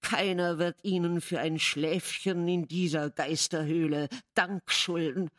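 A woman voicing a nervous, wordy gentleman guest who speaks in an agitated, hurried way. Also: fairly low pitch, steady tone, dry recording, studio quality, lightly acted.

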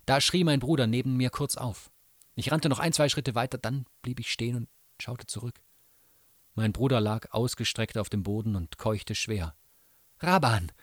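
A man reading a novel aloud in an expressive, dramatic way. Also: fairly low pitch, no room sound, studio quality. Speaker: reader. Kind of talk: literary reading.

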